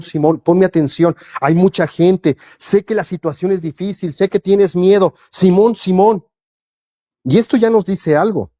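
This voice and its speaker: Un hombre que predica un sermón, lee pasajes bíblicos en voz alta y los explica con preguntas a la congregación. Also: male voice, fairly high pitch, dark tone. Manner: reads scripture aloud and explains it, asking the congregation questions. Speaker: preacher. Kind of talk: sermon.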